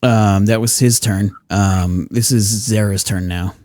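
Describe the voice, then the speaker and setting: A man's voice: lowish voice, fairly even intonation, measured pace, a little mellow, no echo, clean studio sound. A man narrating a tabletop game as game master, casual and laughing often between descriptions.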